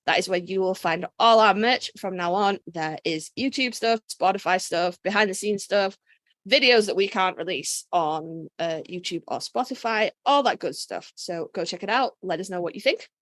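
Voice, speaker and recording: Co-hosting a podcast, a British woman keeps the fan chat casual and emphatic, swearing freely. Her voice is medium-pitched and fairly bright, at a moderate pace, in a dry recording.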